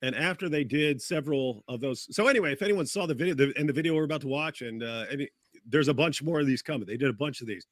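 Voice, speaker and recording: A man's voice: fairly high pitch, fast talker, no room sound. A man chatting casually as a livestream guest, telling a story in a rambling way with many restarts.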